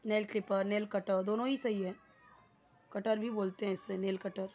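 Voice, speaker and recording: A woman's voice: medium pitch, steady tone, a little mellow, dull audio, slight background noise. A young woman teaching a casual English lesson, explaining patiently and repeating each word. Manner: explains slowly, mixing Hindi and English, repeating words.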